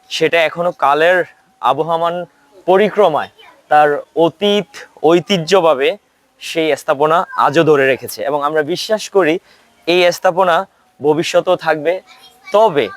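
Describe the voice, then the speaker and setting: A man from Bangladesh narrating a tour of a historic estate outdoors, speaking formally and pausing often on "ah" fillers. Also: fairly high pitch, slight background noise. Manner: formal, with frequent hesitant "ah" fillers. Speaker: travel vlogger and tour guide.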